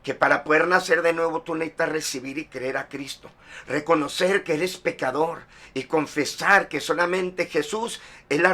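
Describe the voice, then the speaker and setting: A man's voice: a little high, bright, forceful tone. A middle-aged male pastor giving a personal testimony in a sermon, sprinkling his talk with "amen". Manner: testimony-style preaching, frequent "amén".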